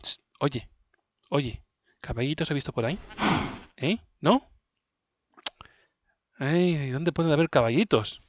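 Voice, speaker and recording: A man's voice: a little high, slow, long pauses, dry recording, highs cut off. A man with an accent from Spain doing casual let's play commentary, playfully talking to game creatures and repeating his words. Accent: Spanish (Spain). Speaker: gaming video host.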